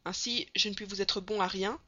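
A woman voicing a resourceful young male French manservant in a storybook reading, wry and lively, on a slightly dull, dry recording. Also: mid-range voice, brisk, no echo.

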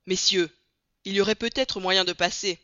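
A reader voicing a calm, assured train engineer. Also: mid-range voice, moderate pace, no room sound, lightly acted. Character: confident male train engineer, matter-of-fact. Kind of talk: audiobook character voice. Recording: dry, dull lo-fi read.

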